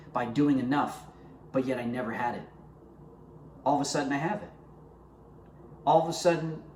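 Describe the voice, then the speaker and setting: A man earnestly shares his personal faith testimony to camera, speaking conversationally and directly to his viewers. His voice is fairly high. The recording has a roomy echo with faint ambience and slight background noise.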